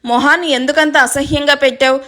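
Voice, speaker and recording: A woman reads a sarcastic young man in a storybook reading, mocking and snappy. The voice stays high and bright, with little change from the narrator. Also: fairly even intonation, fairly quick.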